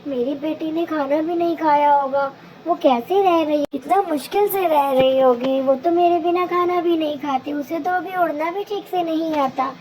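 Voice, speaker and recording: A woman's voice: sits high, normal speed, darkish tone, slight background noise, lightly acted, rough recording. A woman voicing a small, anxious mother sparrow in a cartoon story, chirpy and exclaiming. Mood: worried.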